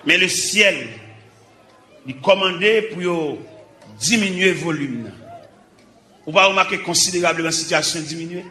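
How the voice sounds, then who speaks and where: A man with a Haitian accent preaching a sermon, calling out fervently in short, shouted bursts. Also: sits high, unhurried, pauses often. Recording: echoey church with congregation and noise.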